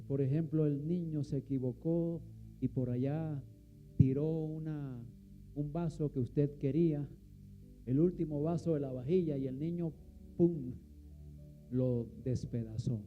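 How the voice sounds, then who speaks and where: A man's voice: fairly high pitch, unhurried, phone-quality sound, soft background music. A man preaching a sermon, asking the congregation questions and answering them himself. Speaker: pastor.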